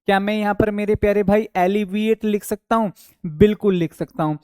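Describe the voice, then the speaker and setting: In his online exam-prep lesson, a male English vocabulary teacher answers his own questions and slowly repeats and stretches key words to help students remember. His voice sits high with a steady, clean, warm and mellow tone, recorded close and dry with no room sound.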